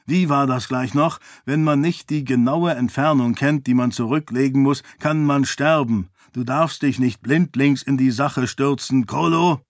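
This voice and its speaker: A man's voice: mid-range voice, a little slow, few pauses, dry recording, clean studio sound, natural voice. Audiobook: man doing a stern male friend, firm and admonishing.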